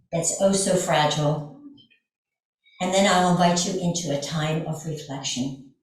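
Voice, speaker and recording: A woman leading a church service, reading aloud in a slow, measured, reflective way. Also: on the low side, darkish tone. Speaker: worship leader. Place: church sanctuary. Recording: roomy hall, mic at a distance.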